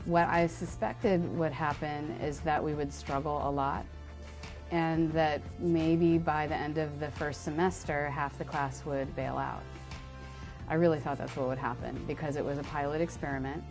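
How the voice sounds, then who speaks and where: Low-voiced woman teacher over music. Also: steady tone, normal speed. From San Diego, California. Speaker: writing teacher. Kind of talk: documentary interview. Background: background music.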